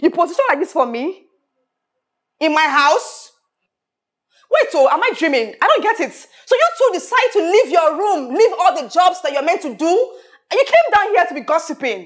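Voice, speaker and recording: In a low-budget film drama, an actress plays a haughty, hot-tempered rich woman who scolds and emphatically repeats her questions. Her voice is extremely high with big pitch swings and a moderate pace, loud and turning to shouting as she grows angry and indignant.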